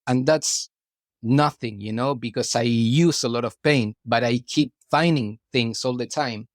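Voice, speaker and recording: A middle-aged man from Argentina, a guest artist and native Spanish speaker, speaks a little slowly in a mid-range voice with an Argentine Spanish accent during a casual interview. He often says "you know" and restarts phrases, captured in a dry, studio-quality recording.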